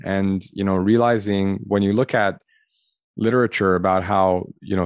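Earnest deep-voiced man. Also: darkish tone, no room sound, studio quality. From Los Angeles, USA. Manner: earnest, reflective, many "you know" fillers. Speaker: podcast guest, admissions consultant. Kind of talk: conversational interview answer.

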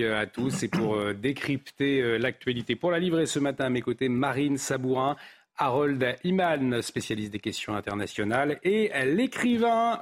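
Hesitant male news anchor. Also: mid-range voice. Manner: hesitant, frequent fillers and restarts. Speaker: morning news show host. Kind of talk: live news presenting.

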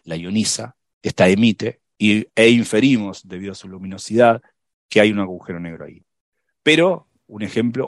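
Low-voiced man explaining science, dry sound. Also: no room sound. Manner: thinks aloud with many fillers and restarts. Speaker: science podcast panelist. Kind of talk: casual explanatory chat.

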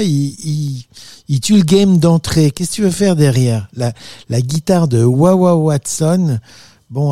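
A man's voice: mid-range voice, warm tone, dry recording, clean studio sound. A male musician guest chatting casually in colloquial, slangy speech, full of admiration. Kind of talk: casual chat.

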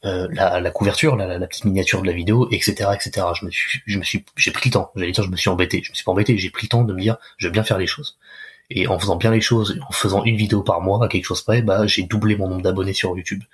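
A man's voice: low-pitched, fairly even intonation, quick pace, breathy edge. A man working as a fitness coach, talking casually in an interview, loose and chatty with many restarts.

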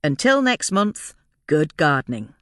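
A woman narrates a scripted gardening podcast in a measured, explanatory way, her pitch moving in an animated fashion. The sound is very dry and close, with no room sound.

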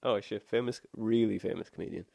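A man in his thirties with a low, gravelly voice rambles through a comedic chat, laughing and restarting his sentences. The sound is close and dry. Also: brisk, darkish tone, no echo. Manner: rambling, jokey, laughs often, many restarts.

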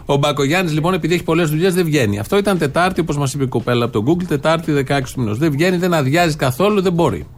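A man's voice: fairly high pitch, expressive, a little hiss or hum. Wry sarcastic male comedy host. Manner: wry, sarcastic, quick asides with laughs. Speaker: satirical show host. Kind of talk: comedic commentary banter.

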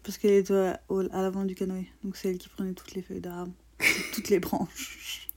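A woman's voice: mid-range voice, completely flat delivery, moderate pace. A young woman co-hosting a travel podcast, telling the trip with teasing, sarcastic banter. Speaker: podcast co-host. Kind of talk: casual travel chat.

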